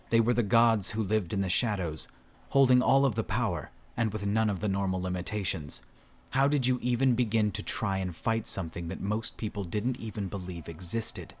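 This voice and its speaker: A man reading an audiobook in steady scripted narration. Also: lowish voice.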